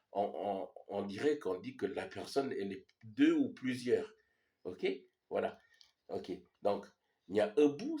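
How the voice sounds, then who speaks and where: A man's voice: medium pitch, dark tone. A man from New Caledonia, an Iaai speaker, patiently explaining a language lesson and often checking that his listeners follow. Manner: patient, repeats "ok?" to check understanding. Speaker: language teacher.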